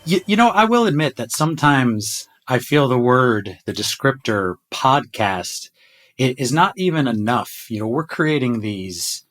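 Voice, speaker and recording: A podcast host speaks a little slowly in a medium-pitched, fairly bright voice with big swings in pitch. Working from his home closet, he reads a scripted intro, then chats eagerly with his team, enthusiastic and self-deprecating while often tripping over his words.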